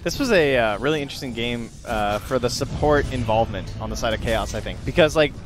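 Relaxed lively esports analyst man. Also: mid-range voice, quick pace, soft background music.

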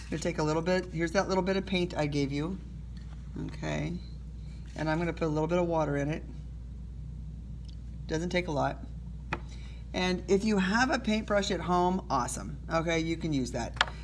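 A woman teacher with a low-sitting voice casually walks students through an art project as she works, self-deprecating and peppering her talk with little okays and ums. She records her hands from above at an indoor table, with a noisy background.

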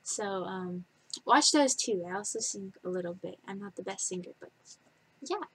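This twentysomething vlogger has a medium-pitched, breathy voice with lively intonation and a moderate pace. Sitting in her bedroom, she giggles and rambles through a casual facts-about-me video with many fillers, captured in poor audio by a desk-distance webcam.

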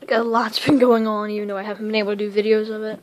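A woman giving a casual, rambling tour of her home electronics workshop, talking quickly and interrupting herself as she films with a handheld phone. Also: mid-range voice, level tone, a little mellow. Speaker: electronics hobbyist vlogger. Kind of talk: casual unscripted shop tour. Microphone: handheld phone camera.

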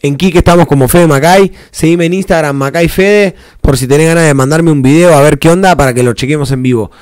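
There's no echo on this clean, darkish, slightly high voice of a man with an Argentine accent speaking briskly. He gives rambling, casual commentary on a reaction video, heavy on slang and restarts.

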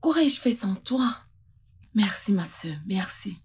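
A distraught mother in a dubbed film, begging and accusing by turns. Her voice is husky and fairly high, swinging widely in pitch. Faint music plays behind. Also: animated, moderate pace. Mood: tearful. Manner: pleading, tearful and accusing. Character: distraught mother of a missing daughter. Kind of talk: French film dub.

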